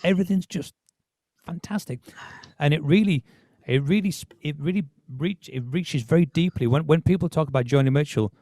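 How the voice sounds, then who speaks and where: A man's voice: on the high side, a little fast, a little mellow, dry recording, studio quality. A man hosting a podcast, talking casually about music with many restarts. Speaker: podcast host.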